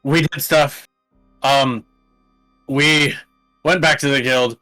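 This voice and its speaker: A man's voice: mid-range voice, fairly even intonation, slow, pushed and bright, faint music behind, low-quality recording. A man recapping a tabletop game as a player in casual banter, rambling and jokey with crude asides.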